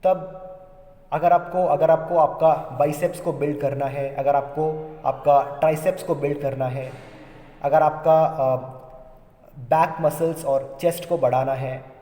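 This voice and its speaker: A man's voice: a little high, steady tone, a little slow, warm tone. A man giving a spoken pronunciation lesson, often repeating and restarting his phrases as he explains. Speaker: religious teacher. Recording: echoey room with long reverb.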